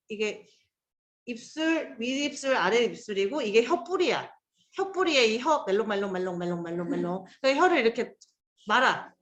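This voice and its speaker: A woman's voice: high voice, a bit bright, reverberant. A woman teacher giving a casual Chinese pronunciation lesson, chatty and coaxing, drilling sounds aloud with her students.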